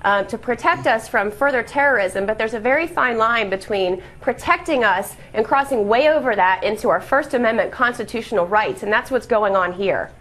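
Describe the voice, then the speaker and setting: A woman speaking as a defense attorney on a television legal panel. Her voice sits a little high, and she argues in an earnest, insistent way. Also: animated, moderate pace, few pauses, a bit bright. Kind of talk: news panel commentary.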